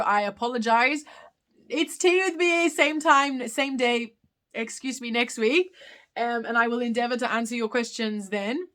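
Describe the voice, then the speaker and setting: High-pitched, pushed and bright, the young Australian-accented woman, with a slight British edge, runs her live stream as a casual question-and-answer chat. She rambles chattily, using lots of ums and frequently correcting herself.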